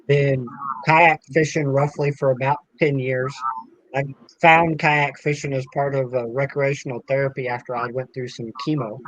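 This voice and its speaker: A man from the United States, a tournament director, appears as a podcast guest on a call. In a mid-range voice, he talks casually and earnestly about himself, though the audio is poor.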